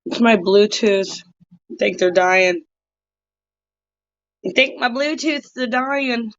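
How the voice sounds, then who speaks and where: A woman's voice: a little high, slow pace. A woman calling into a livestream over a tinny phone speaker, chatting casually while she fiddles with her headset. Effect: tinny phone speaker sound. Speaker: caller on a livestream. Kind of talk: casual chat. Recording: muffled phone line.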